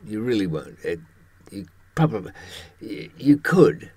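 Speaking to camera from his own experience, an older presenter delivers a conversational monologue in a low, husky, animated voice. He comes across as wry and halting, stopping now and then to think.

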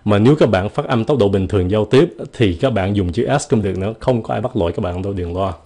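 A man giving a casual, joking pronunciation lesson, slowing down to stretch out the example words. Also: on the low side, dark tone. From United States. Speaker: English pronunciation teacher.

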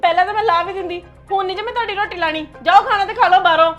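A woman's voice: extremely high pitch, very fast, fairly bright tone, faint music behind. An actress playing a fed-up young wife who complains indignantly about her husband. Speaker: actress in a family skit.

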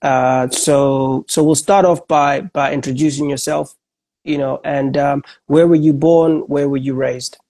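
Middle-aged male podcast host, slightly high voice, friendly, casual, video call. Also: fairly even intonation, unhurried, warm tone. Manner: friendly, encouraging, lots of "bro" and "you know". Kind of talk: casual interview chat. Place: indoor room at home.

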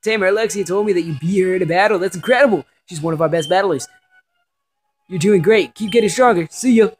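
A man's voice: high voice, fast, soft background music, pitched above the performer's own voice, close to an everyday voice. Man voicing a cheery male cop. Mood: encouraging. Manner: cheerful, encouraging, read aloud. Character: friendly upbeat male police officer.

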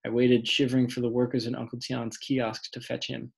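Gravelly, husky male audiobook narrator. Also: mid-range voice, monotone, brisk. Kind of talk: audiobook reading.

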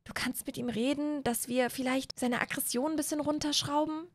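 Woman voices strict game mother, shrill and cross, no room sound. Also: steady tone, normal speed, no echo, lightly acted. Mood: worried. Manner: scolding, raised voice. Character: stern angry mother of teenage boys. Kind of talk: voicing game characters.

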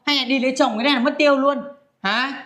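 Woman doing a scolding mother, high voice, nagging, exasperated, favors her son, comedy skit. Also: steady tone, very fast, a bit bright.

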